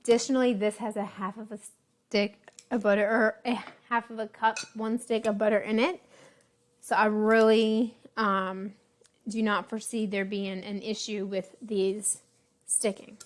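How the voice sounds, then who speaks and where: A woman casually demonstrating a baking recipe, chatty and relaxed with frequent ums and little asides. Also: medium pitch, unhurried. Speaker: home baking instructor.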